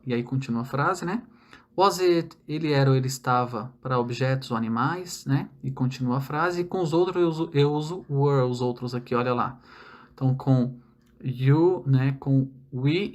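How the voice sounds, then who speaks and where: Man, from Brazil, young adult, online English lesson, explanatory, frequent tag questions, middle pitch. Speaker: English teacher.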